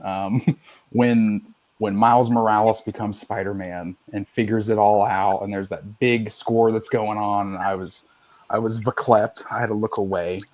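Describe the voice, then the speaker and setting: A man's voice: lowish voice, steady tone, a little slow, darkish tone, no echo. A middle-aged man hosting a podcast, chatting casually in a loose, rambling way and swearing freely. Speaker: podcast host. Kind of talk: casual chat.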